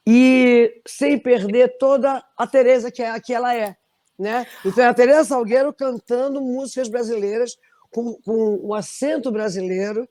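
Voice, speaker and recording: A middle-aged woman from Belém, Brazil, with a Brazilian Portuguese accent, a singer telling animated stories in an interview with many restarts. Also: on the high side. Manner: animated storytelling, frequent restarts. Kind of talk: conversational interview.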